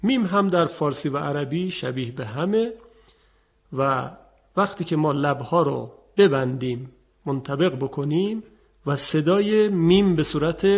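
A man teaching a tajweed lesson, calmly explaining and demonstrating letter sounds. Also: fairly high pitch. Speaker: Quran recitation teacher.

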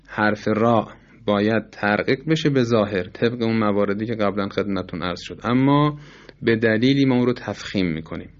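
A man's voice: lowish voice, lo-fi sound. A man teaching Quran recitation rules in a formal, patient lesson, politely repeating and explaining with examples.

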